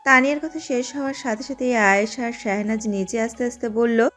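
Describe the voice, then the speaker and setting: A woman giving steady, scripted narration of an audio drama. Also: on the high side, fairly quick, soft background music. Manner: steady storytelling.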